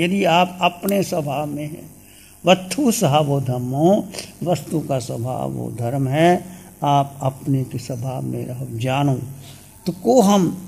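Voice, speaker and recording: An older man giving a spiritual sermon, asking questions of his listeners, then slowly guiding a meditation and chanting prayers. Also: medium pitch, vocal fry, breathy edge. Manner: questioning, exhorting, then slow calm meditation guidance and chanting. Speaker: Jain monk giving a discourse.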